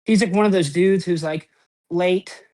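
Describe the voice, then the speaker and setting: A man's voice: sits high, steady tone, normal speed, darkish tone. A man co-hosting a podcast, talking sports in a rambling, casual way, full of "um" and "like" and casual swearing. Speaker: podcast co-host.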